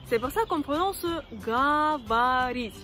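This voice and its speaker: A woman who speaks natively gives an online language lesson, patient and lively, repeating words slowly. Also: high voice, soft background music. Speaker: Russian teacher.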